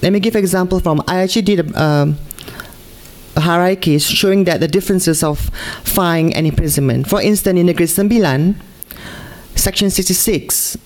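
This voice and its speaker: A woman's voice: fairly low pitch, moderate pace, a little mellow. A middle-aged woman from Malaysia giving a conference talk at a podium microphone in a large hall, earnest and pleading, repeating phrases for emphasis. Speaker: conference speaker.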